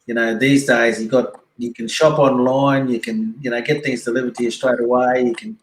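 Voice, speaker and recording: A man's voice: medium pitch, flat delivery, normal speed, roomy sound, rough recording. A man with an Australian accent, a guest chatting casually and loosely, with many fillers and restarts. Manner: laid-back, rambling, many fillers. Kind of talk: casual yarn on a live stream.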